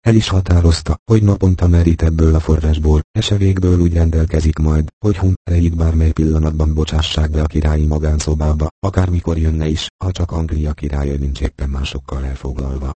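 A male audiobook narrator with a very deep, dark voice and a husky grain, telling a classic novel in measured, even tones. The recording is close and dry, with no room sound at all. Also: no room sound.

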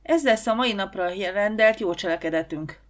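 A woman's voice: mid-range voice, close to an everyday voice. A woman reading the part of a self-assured, joking young male lawyer in an audiobook. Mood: teasing.

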